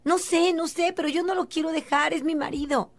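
A woman's voice: sits high, steady tone, fast talker, pitched above the performer's own voice. A woman voicing a frightened young pregnant wife who pleads anxiously and repeats herself.

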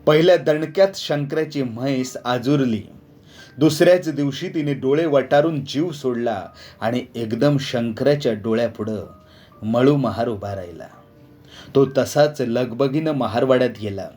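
A man's voice: mid-range voice, soft background music. Man reading a village story aloud. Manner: expressive, measured reading. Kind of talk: dramatic story narration.

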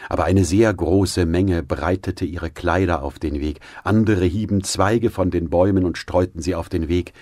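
A man narrating a Bible audiobook in a calm, measured reading style on a close studio mic. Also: sits low, dry recording. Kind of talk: scripted scripture reading.

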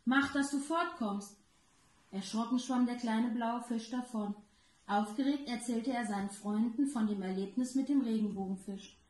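A daycare educator, a woman, reading a children's story aloud slowly and clearly. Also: a little high, fairly even intonation, warm tone. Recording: roomy echo.

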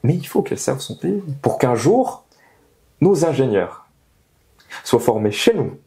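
Recorded through a lapel mic in a small meeting room, a young adult engineer lays out his opinions with earnest emphasis, returning to the same key phrases. He talks unhurriedly in a warm, mid-range voice with big pitch swings and some vocal fry.

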